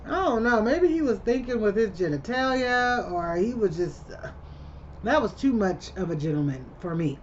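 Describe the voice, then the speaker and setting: A woman's voice: medium pitch, expressive, moderate pace. A woman casually recapping a movie for her channel, chatty and rambling, who keeps breaking in with her own reactions. The recording is a little muffled, with a faint hum underneath. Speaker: vlogger.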